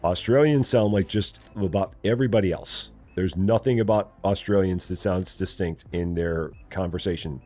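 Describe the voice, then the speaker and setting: His voice sits low and mellow, moving at a moderate pace with few pauses over soft background music. He's a gaming streamer with a General American, Midwest Illinois accent, chatting casually on a live stream while playing, repeating himself and teasing in a playful way.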